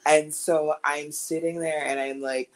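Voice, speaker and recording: A woman, a guest recording artist, telling animated stories in a casual interview and laughing often. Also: sits low, a little slow.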